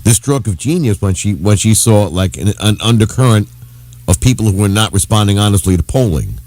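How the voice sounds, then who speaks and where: A man with a slightly low, very animated voice chats as a radio commentator. His delivery is casual political talk, with pitch that moves widely. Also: brisk.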